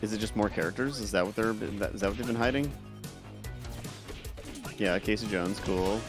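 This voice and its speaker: A man's voice: on the low side, normal speed, music in the background. A man co-hosting a podcast, chatting playfully in a casual reaction. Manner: animated, playful, makes sound effects. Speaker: podcast co-host.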